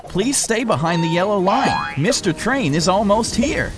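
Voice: mid-range voice, animated, normal speed, close to an everyday voice. A narrator for a preschool cartoon, explaining things in simple, instructive short sentences. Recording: music bed under the voice.

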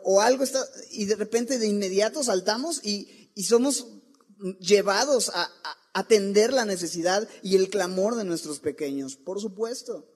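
A man, preaching a sermon in a church and asking his listeners many rhetorical questions. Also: high voice. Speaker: pastor. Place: church sanctuary.

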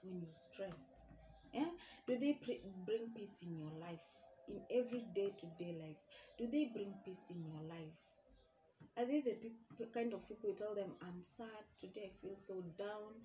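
A woman's voice: medium pitch, normal speed, dark tone, echoey room, a little hiss or hum. A young woman talking straight to her viewers, earnestly asking question after question and repeating her points for emphasis. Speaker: vlogger. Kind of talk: casual advice monologue.

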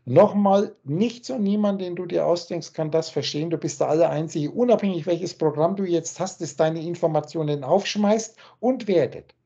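Husky, dull-sounding man preaching on a call. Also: fairly high pitch, normal speed, few pauses. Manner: forceful, preachy, crude and scolding. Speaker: spiritual teacher. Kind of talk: lecturing monologue on a video call. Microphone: video call.

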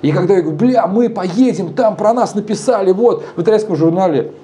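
A man's voice: high voice, fast talker. A man in his thirties, a bar co-founder, talking frankly and animatedly as an interview guest in a dim bar. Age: 30s. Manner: animated, gesturing, frank and blunt. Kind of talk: casual interview talk.

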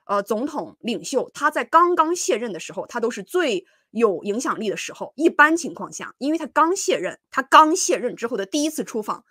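A woman's voice: fairly high pitch, big pitch swings, fairly quick, few pauses, bright, forceful tone, breathy edge, no echo, studio quality. A woman hosting a livestream of political commentary, talking casually with many fillers and restarts and breaking into scolding asides.

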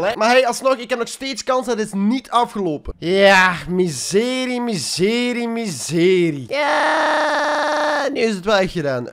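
A young Flemish man, a bit sick, joking and shouting through his gaming commentary. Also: very high-pitched, creaky. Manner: joking, excitable, shouts during fights. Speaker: gaming YouTuber.

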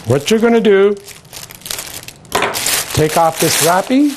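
A man's voice: high-pitched, lively intonation, slow, background noise. A middle-aged man, a floral consultant, showing step by step how to prepare flowers, emphatic and dropping small jokes as he talks to the viewer. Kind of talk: hands-on demonstration.

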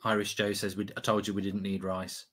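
A man's voice: on the low side, monotone, a little fast, fairly bright tone. A man hosting a football watch-along, chatting casually about the live match and repeating phrases for emphasis. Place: indoor desk streaming setup.

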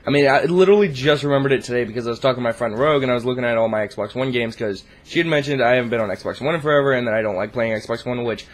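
A man's voice: mid-range voice, very fast, few pauses. A man hosting his gaming channel, giving casual, rambling gameplay commentary full of profanity. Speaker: YouTube gaming channel host.

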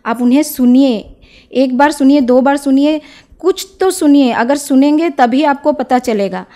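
A young woman from Odisha, giving an earnest, persuasive testimony as an interview guest and often pausing on filler sounds. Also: sits high, mellow. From Odisha, India. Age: young adult.

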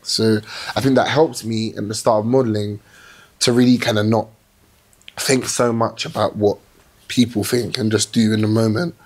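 A young man talking as a podcast guest in a small indoor studio, reflective and animated, telling his story with restarts. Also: lowish voice, moderate pace. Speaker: plus-size model, podcast guest. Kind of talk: casual interview chat.

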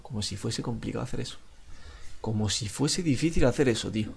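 A man with a Spain Spanish accent streams a game live, rambling, joking at his own expense and swearing freely. His voice is medium-pitched and brisk with vocal fry, and there's slight background noise.

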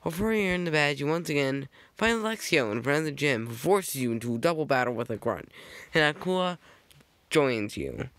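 A man's voice: a little high, a bit bright, no echo. A man casually narrating a fan-made slideshow, rambling with jokey asides and frequent self-corrections on a close microphone.

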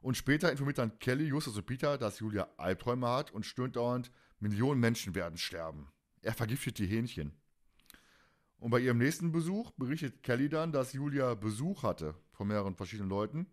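A man with a mid-range voice and lively intonation recaps an audio drama on a podcast he co-hosts, speaking briskly. His casual, colloquial talk rambles and often loops back over its phrases.

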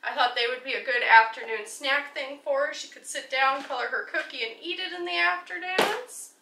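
A woman's voice: sits high, normal speed, vocal fry. A woman in her thirties chatting casually about her groceries in a home vlog, often laughing as she explains each item. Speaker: vlogger, mother. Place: home dining room, indoors. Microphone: camera mic from across the table. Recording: roomy, distant camera mic with noise.

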